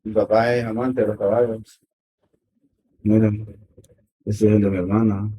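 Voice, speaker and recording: A man, hosting a podcast interview with steady agreeing replies. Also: on the low side, normal speed, husky, muffled recording. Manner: affirming, frequent "ujú" backchannel. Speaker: podcast host. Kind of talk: casual interview talk.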